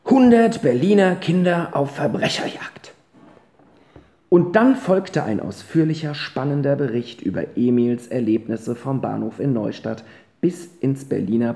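An audiobook narrator reading a children's novel in an expressive, animated way. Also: mid-range voice, gravelly. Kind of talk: storybook narration. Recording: roomy echo.

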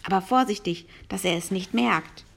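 A woman's voice: medium pitch, normal speed, vocal fry. A woman reading aloud and voicing a brash, streetwise boy who gives bossy, slangy orders. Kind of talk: reading a children's novel aloud.

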